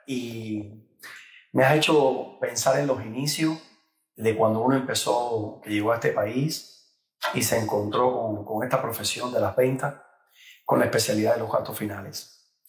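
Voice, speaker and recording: A man's voice: mid-range voice, fairly even intonation, normal speed, echoey room, low-quality recording. A middle-aged Cuban man being interviewed about his career, talking with many fillers and restarts. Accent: Cuban Spanish. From Cuba. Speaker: guest, insurance trainer. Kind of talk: interview conversation.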